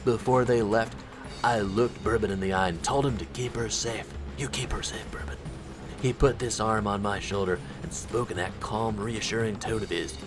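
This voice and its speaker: A brave young frat-bro soldier reads out his last farewell note, voiced by a man. His voice sits a little low. Game music plays clearly behind him. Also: steady tone, normal speed, close to an everyday voice. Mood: resigned. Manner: reading a farewell note in character. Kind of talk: in-game lore note read aloud.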